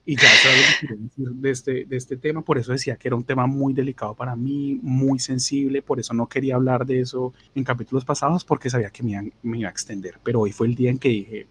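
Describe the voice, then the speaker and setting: A man's voice: medium pitch, fairly bright tone, slight background noise. A young man with a Bogotá Colombian accent, casually telling a crude, slangy story on a podcast and mimicking other people's voices. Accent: Colombian Spanish, Bogotá. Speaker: podcast co-host.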